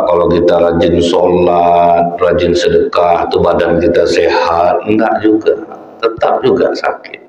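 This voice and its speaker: Male preacher, lively delivery, lowish voice, booming reverberant hall on a muffled recording. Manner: animated, addresses the audience as Pak and Bu. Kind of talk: sermon. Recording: echoey, dull hall recording.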